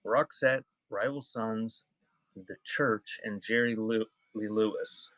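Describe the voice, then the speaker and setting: Speaking slowly and steadily, a man with a lowish, fairly bright voice runs a casual live auction of vintage music, captured in a dry, low-quality recording. He reads items aloud and improvises chat, addressing viewers by name.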